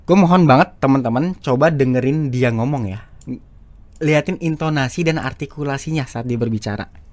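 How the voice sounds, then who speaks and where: A man's voice: medium pitch, normal speed, a little mellow. A man giving a casual lesson on speaking for short videos, chatty and full of fillers and restarts. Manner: chatty, repeats himself, many fillers and restarts. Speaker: YouTube teacher of public speaking. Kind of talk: casual screen-share lesson.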